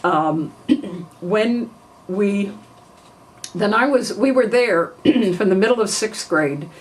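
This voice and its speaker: An older woman from New York telling family memories in an unhurried way, often clearing her throat. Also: mid-range voice, animated, poor audio. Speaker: family memoir narrator. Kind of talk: reminiscing oral history.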